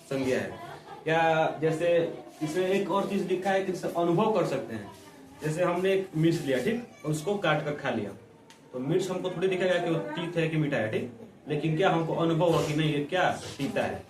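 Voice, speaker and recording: A man's voice: fairly high pitch, animated, normal speed, far from the mic, slight background noise. A man teaching grammar to students, explaining with everyday examples and checking often that they follow. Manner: explains with examples, keeps asking "ठीक?". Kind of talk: classroom Hindi grammar lesson. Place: room with students. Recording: echoey room, voice from off-mic.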